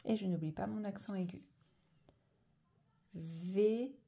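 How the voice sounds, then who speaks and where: A woman teaching a slow handwriting dictation lesson, carefully drawing out each sound and letter. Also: mid-range voice, gravelly, warm tone. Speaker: primary school teacher.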